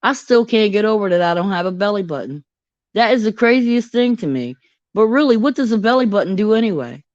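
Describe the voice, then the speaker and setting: A woman vlogging in a candid, chatty and expressive way. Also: mid-range voice, fairly quick, no echo, muffled recording. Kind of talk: casual personal vlog.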